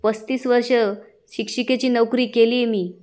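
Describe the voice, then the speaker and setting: A woman's voice: fairly high pitch, little pitch movement, moderate pace, a little mellow, natural voice. A woman voicing a fiery retired schoolteacher with a Vidarbha Marathi accent, blunt and combative. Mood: scolding. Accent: Vidarbha Marathi (Varhadi).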